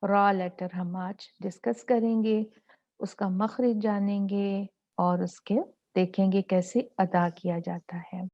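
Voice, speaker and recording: Slow, patient woman tajweed teacher. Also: medium pitch, level tone, dark tone, lo-fi sound. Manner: patient, asks and answers her own questions, demonstrates sounds. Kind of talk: slow step-by-step lesson.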